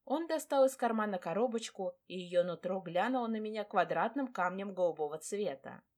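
Woman narrator, first-person romance audiobook, warm, expressive. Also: mid-range voice, fairly quick.

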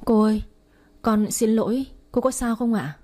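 A woman's voice: normal speed, mellow, close to an everyday voice. Woman voicing a feisty young stall owner. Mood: apologetic. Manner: defiant, shrill protests.

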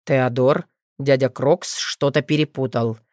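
For an audiobook reading, a woman voices a calm, gentle dragon father speaking to his young sons in a low, steady, reassuring way. The delivery is unhurried, and the studio-quality recording has no echo.

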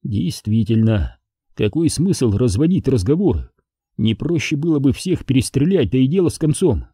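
A man narrating an audiobook in an expressive storytelling manner. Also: mid-range voice, moderate pace, slightly rough, no room sound, clean studio sound. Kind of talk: scripted narration.

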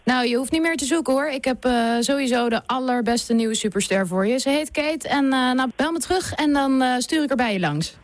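A woman's voice: high voice, animated, brisk, few pauses, no echo. A woman leaving an upbeat, chatty voicemail message as a radio reporter.

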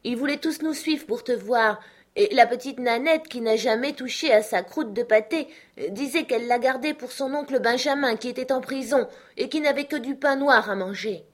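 A woman's voice: a little high, moderate pace, voice pushed up, natural voice. A woman voicing a devoted elder sister and mother of a family, pleading with reproachful questions. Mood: imploring.

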